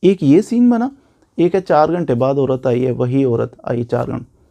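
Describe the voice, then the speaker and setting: In an informal law lecture, a man with a Pakistani accent speaks unhurriedly in a mid-range, creaky, dark voice. He reinforces ideas through repetition and by posing questions he answers on his own.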